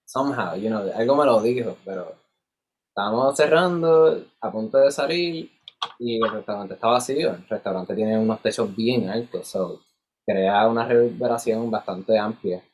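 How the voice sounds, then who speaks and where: A man with a husky voice tells stories casually in Spanglish, switching between Spanish and English and acting out dialogue. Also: on the low side, a little hiss or hum, low-quality recording. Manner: animated filler-heavy storytelling with re-enacted dialogue. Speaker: musician in a band.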